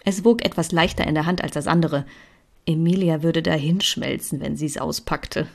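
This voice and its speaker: A woman reads a romance story aloud in the first person. Her voice sits low, and she reads expressively, shifting into the characters' lines. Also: steady tone, moderate pace, gravelly. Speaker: audiobook reader. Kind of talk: audiobook reading of a romance story.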